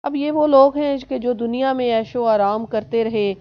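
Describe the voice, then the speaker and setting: A woman teaching a lesson, reciting verses and then translating and explaining them slowly. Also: a little high, muffled recording. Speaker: Quran teacher.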